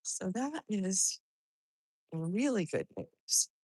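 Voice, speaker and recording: A woman's voice: medium pitch, animated, very slow, a little mellow, slightly rough, no room sound. A woman chatting casually to livestream viewers while out walking for exercise, rambling and thinking aloud. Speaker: livestreamer greeting and answering viewers. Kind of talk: casual livestream chat to followers. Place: outdoors on a walk in hot weather.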